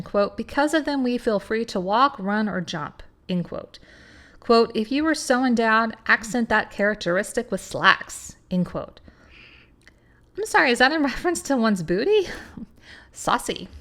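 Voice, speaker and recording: A woman hosting a history channel, reading quotes from old fashion articles and cutting in with sarcastic asides. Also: medium pitch. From rural upbringing. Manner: sarcastic asides between quotations.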